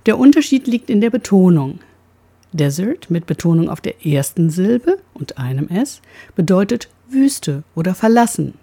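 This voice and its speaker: A woman with a warm, slightly husky voice explains pronunciation in a precise way. Her pitch sits low but moves a lot, and she sounds out each example word as she goes. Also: big pitch swings, normal speed. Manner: precise, demonstrates sounds aloud.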